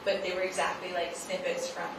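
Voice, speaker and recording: A woman, the guest author at a book talk, answers audience questions off the cuff, thinking aloud in a thoughtful, halting way and hedging often with "like." Her voice sits on the low side with a flat delivery. The live event is picked up from a distance, so the recording is very echoey and noisy.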